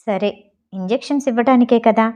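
A woman's voice: fairly high pitch, brisk, mellow, natural voice. Woman as a coaxing head nurse.

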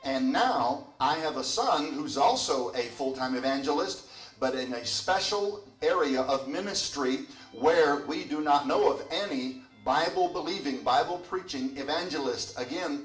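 An older man, an evangelist and children's home director, formally introducing his son's ministry. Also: fairly high pitch. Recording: roomy, from a distance, faint music.

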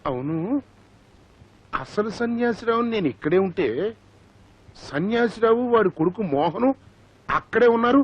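A man's voice: sits high, expressive, moderate pace, pauses often, no echo. An actor playing a hot-headed middle-aged father in a comic film, blustering and indignant. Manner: blustering, indignant, loud outbursts. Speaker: father searching for his son. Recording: slightly muffled film audio with faint music.

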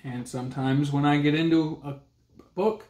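A man in his thirties co-hosts a book vlog, bantering casually and teasingly from a small room at home. His voice sits on the high side, slightly mellow, with fairly even intonation at normal speed, and the camera's distance adds a roomy echo.

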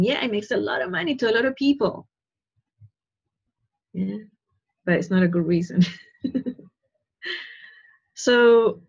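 A middle-aged spiritual teacher with a slightly husky, darkish, medium-pitched voice speaks from her living room in a casual video-call talk. She's earnest and meandering, often checking in with "right?" and "you know." Her wired earphone mic sends a dull, lo-fi signal.

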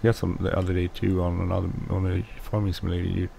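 A man whose first language is Swedish, speaking English with a Swedish accent as he hosts casual gameplay commentary, mumbling and halting with many restarts. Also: deep voice, little pitch movement, creaky, warm tone, slight background noise, rough recording. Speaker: let's play host.

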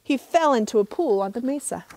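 A middle-aged woman, a park ranger, reading a trickster tale as expressive, measured storybook narration outdoors. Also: fairly high pitch, dry recording. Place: outdoors in open desert.

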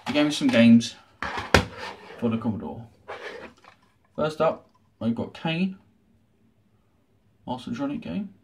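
In a small room at home, a man hosts a retro gaming unboxing, chatting casually with dry, sarcastic asides. His medium-pitched voice is expressive and slow, with frequent pauses. Background noise is noticeable.

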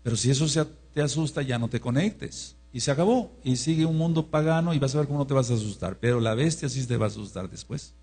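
Male preacher, sermon, dark tone, husky, emphatic, repeats himself, hushed then loud. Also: medium pitch, animated, fast, few pauses. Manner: emphatic, repetitive, swings between hushed and loud.

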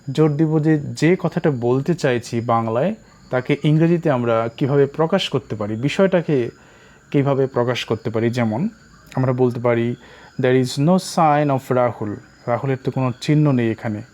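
A man with a Bengali accent teaching spoken English, repeating each English phrase slowly and deliberately. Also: medium pitch, darkish tone.

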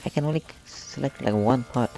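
A man's voice: mid-range voice, a little fast, vocal fry, music in the background. A man giving casual let's-play commentary, grumbling and joking at the game as he goes. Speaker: gamer.

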